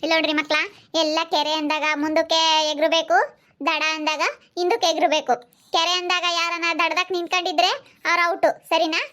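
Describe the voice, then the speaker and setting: A woman's voice: high-pitched, fairly bright tone. A woman with a regional Kannada accent playing a village preschool teacher who coaxes and scolds children in a comic skit. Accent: Kannada, Hiriyur area. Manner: coaxing, scolding teacher talk.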